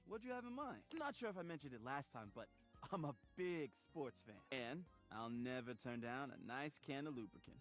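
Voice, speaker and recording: A man's voice: mid-range voice, lively intonation, brisk, close to an everyday voice. An actor voicing a cheerful, chatty male vacuum cleaner in a dating game, with an upbeat, bouncy delivery. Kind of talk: video game voice acting. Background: game music.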